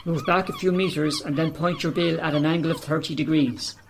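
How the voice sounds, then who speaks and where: A man's voice: on the high side, wildly swooping pitch, brisk, gravelly, slight background noise, pitched above the performer's own voice, full character voice. A man voicing a patient grown male gannet father who coaches his chick in a children's story. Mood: coaching. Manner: coaching, mildly exasperated.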